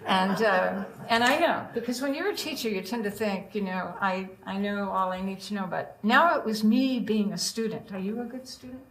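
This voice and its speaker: A woman's voice: medium pitch, a bit bright, low-quality recording. An older woman speaking as an open mic poet, chatty and digressive, often addressing her listeners directly. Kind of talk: casual spoken introduction to her own poems, with short recitations.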